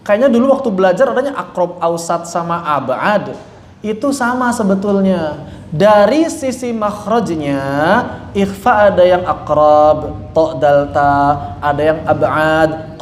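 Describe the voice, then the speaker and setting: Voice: medium pitch, unhurried. Echoey recitation teacher, explaining step by step. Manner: explains step by step, demonstrates sounds, asks and answers own questions; corrects mistakes firmly. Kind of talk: classroom tajwid lesson. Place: room with a class repeating after the teacher. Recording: echoey room, faint background noise.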